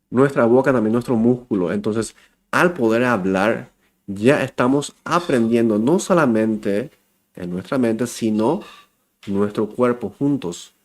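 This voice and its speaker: A man speaking gives a casual lesson. He swings from low, soft asides to bright, excited highs. He repeats key phrases for emphasis. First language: Japanese. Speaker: Japanese teacher.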